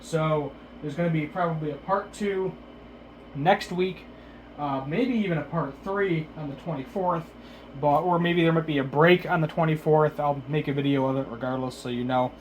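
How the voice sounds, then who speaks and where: The recording is rough, with slight background noise, as a man with a fairly high-pitched voice talks at a moderate pace. He's a video reviewer giving a hesitant, rambling, unscripted recap, correcting himself often, his words a bit slurred from dental numbing.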